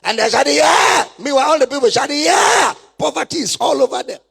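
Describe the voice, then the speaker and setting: Male pastor, high lively pitch, gravelly; emphatic, mocking sermon delivery. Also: very fast, raised voice. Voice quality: gravelly, husky. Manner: mocking, emphatic, scripture-quoting. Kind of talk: sermon rebuttal.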